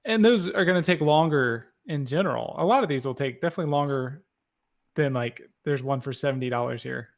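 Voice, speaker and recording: A man's voice: on the high side, a little fast, creaky. A man co-hosting a design podcast, chatting casually and speaking emphatically. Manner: opinionated, emphatic about pricing. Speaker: podcast co-host. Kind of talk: casual chat.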